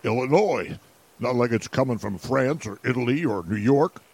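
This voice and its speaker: A man's voice: mid-range voice, animated, moderate pace, darkish tone, slightly rough. A man playing a fussy, cowardly Western sheriff who talks hesitantly.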